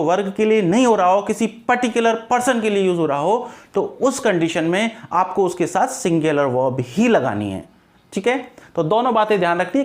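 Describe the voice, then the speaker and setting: High-pitched male grammar teacher with a Hindi-speaking Indian English accent, middle-aged, drills points by asking and answering his own questions. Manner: repeats key points as questions and answers them. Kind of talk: exam-prep lecture.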